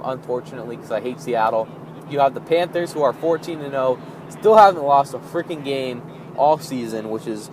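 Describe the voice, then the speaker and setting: A young adult man giving casual, rambling gameplay commentary as a video host, often repeating and rephrasing himself in an informal way. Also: mid-range voice. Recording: clearly noisy background.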